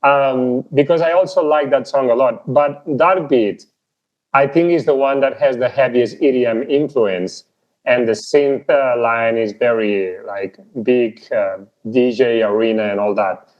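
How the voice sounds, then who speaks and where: A man's voice: mid-range voice, measured pace. A man hosting an interview, listening attentively and asking hesitant, rambling questions. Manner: attentive, frequent mm-hmms, hesitant questions with uhs. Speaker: interviewer, channel host. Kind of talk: casual interview chat. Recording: dull lo-fi audio.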